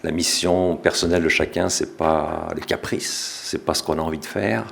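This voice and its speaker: Very deep gravelly man. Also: normal speed. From France. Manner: relaxed, self-deprecating, with restarts. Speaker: author and speaker. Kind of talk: public talk to an audience.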